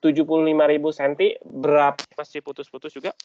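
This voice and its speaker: A man's voice: on the high side, monotone, quick pace, a little mellow, muffled recording. A man teaching an online class while his call audio keeps breaking up. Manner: patient, asks class questions. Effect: choppy, breaking-up online call audio. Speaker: lecturer.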